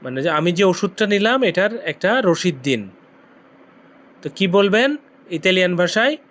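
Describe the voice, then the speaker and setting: A male language teacher, saying each phrase slowly and repeating it for learners. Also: high voice, sing-song, a bit bright. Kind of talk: slow repeat-after-me lesson.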